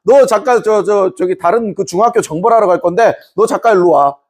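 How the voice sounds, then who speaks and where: A man's voice: sits high, a little fast, darkish tone. A man playing the Qing court as a bossy older kid who orders others around casually. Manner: brash, ordering about casually.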